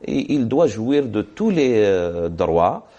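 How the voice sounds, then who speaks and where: This male religious scholar, answering questions on a TV program in a studio, has a dark-toned voice on the low side with a sing-song quality, and he takes it slowly. He offers religious advice hesitantly, with many fillers and recited Arabic formulas, and the sound is lo-fi.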